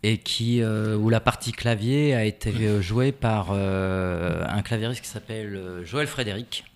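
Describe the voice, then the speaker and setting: A half-Norwegian, half-French man, a musician, answering interview questions in a relaxed way with many fillers. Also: fairly low pitch, unhurried. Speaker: musician, guest.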